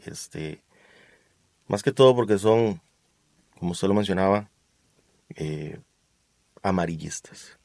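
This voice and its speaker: A man with a Costa Rican accent co-hosting a talk show, speaking in a measured, relaxed way and often ending his remarks with a tag question. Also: low voice, gravelly, no room sound. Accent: Costa Rican Spanish. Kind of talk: casual discussion.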